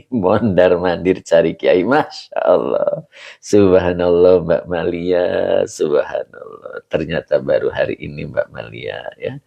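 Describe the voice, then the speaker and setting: A religious teacher with an Indonesian accent casually greets viewers of his live stream, reading their comments aloud and chuckling often. His voice is deep, creaky, and warm, and the sound is lo-fi.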